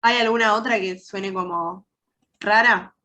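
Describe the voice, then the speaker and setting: A woman's voice: mid-range voice, measured pace, sharp tone. A woman with an Argentine accent, nasal and congested from a cold, teaching an online workshop and asking her audience many questions. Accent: Argentine Rioplatense Spanish. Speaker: soft-skills trainer.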